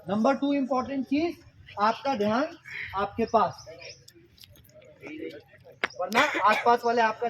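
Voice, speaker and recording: A man's voice: very high-pitched, highs cut off. A man leading a mind-power workshop for school students, talking playfully and quizzing the audience with questions. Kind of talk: interactive talk to school students.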